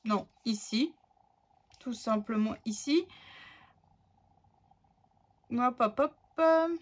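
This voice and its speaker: A woman's voice: fairly high pitch, drawn-out words. A woman hosting a scrapbooking tutorial, chatting casually and thinking aloud as she works, with many fillers.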